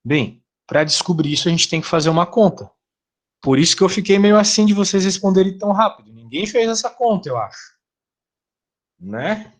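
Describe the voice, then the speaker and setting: A man's voice: high-pitched, expressive, moderate pace. A middle-aged Brazilian man teaching an online physics class, chatty, asking his students rhetorical questions.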